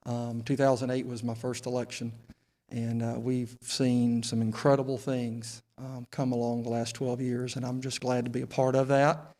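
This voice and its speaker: A Southern US man in his forties makes his case as a council candidate through a face mask. His pitch is average and moves very little from phrase to phrase. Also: level tone, moderate pace, a little mellow. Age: 40s. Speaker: city council candidate, incumbent. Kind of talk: candidate remarks at a local debate.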